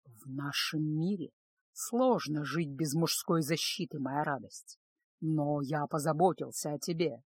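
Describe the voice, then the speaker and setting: A woman voicing a domineering male serpent-bodied lord, speaking slowly in a low, hushed, possessive murmur in an audiobook. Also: husky, no echo, studio quality. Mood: possessive, tender. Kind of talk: audiobook character voice.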